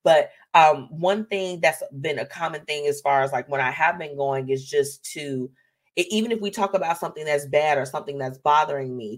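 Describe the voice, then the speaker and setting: A woman hosting a live online show in casual chat, encouraging and emphatic, often repeating words and phrases and checking in with little tags. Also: low voice. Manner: conversational, often tags statements with "okay"; uplifting, encouraging.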